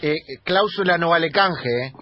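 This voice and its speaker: A man's voice: on the high side, normal speed, a loud crowd. A man with an Argentine accent hosting a casual chat, joking and teasing his guests. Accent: Argentine Spanish. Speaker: host. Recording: dull lo-fi sound.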